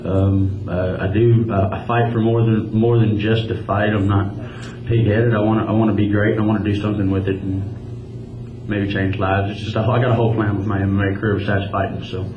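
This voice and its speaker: A man's voice: on the low side, flat delivery, brisk. A man, a fighter, answering at a press conference with punchy, boastful talk. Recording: echoey, noisy room, distant mic, dull sound.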